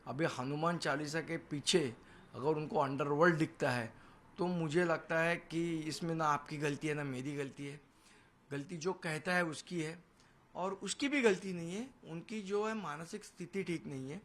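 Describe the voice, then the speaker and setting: Speaking at a normal speed with fairly even intonation, this man has a high pitch and a fairly bright tone. As a political party leader and spokesman in a TV news interview, he is assertive and defiant, repeating himself for emphasis. The location audio is noisy, with ambience behind him.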